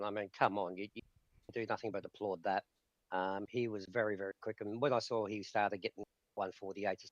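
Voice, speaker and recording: A man's voice: fairly low pitch, no room sound. A man, a racing driver, talking effusively and colloquially in a post-race interview over a lo-fi link.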